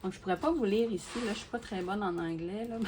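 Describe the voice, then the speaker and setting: Here a woman with a medium-pitched voice talks quickly, chatting informally with her audience while opening a package. She's a crafting YouTuber who gushes freely, using plenty of fillers and repeated words; steady noise and clicks sit in the background.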